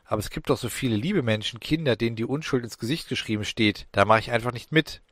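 A man's voice: medium pitch, quick pace, fairly bright tone, no echo, studio quality, natural voice. A man voicing a frightened, decent family man who asks anxious, bewildered questions in a storybook reading.

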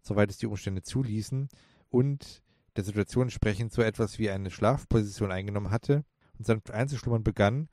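Male audiobook narrator, low-pitched, measured and calm, dry studio read. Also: no room sound. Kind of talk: scripted narration.

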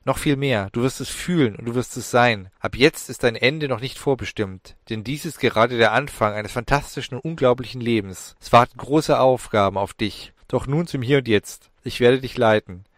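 A man reading an audiobook, voicing the gentle ghost of a woman doctor who speaks in solemn, soothing prophecies. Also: mid-range voice, moderate pace, few pauses, no echo, studio quality, natural voice. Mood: urgent.

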